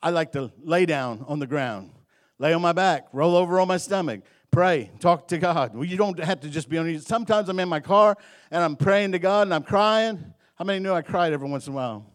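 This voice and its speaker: A middle-aged man preaching an evening sermon in a church, swinging between loud and soft and repeating words as he goes. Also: fairly high pitch, animated, brisk. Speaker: pastor. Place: church sanctuary.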